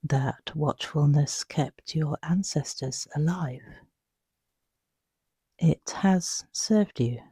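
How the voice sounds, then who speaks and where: At a very slow pace, a meditation guide murmurs in a mellow, breathy hush of medium pitch, meant to lead someone to sleep. Long pauses fall between the soothing, unhurried phrases, and the recording is dry and close.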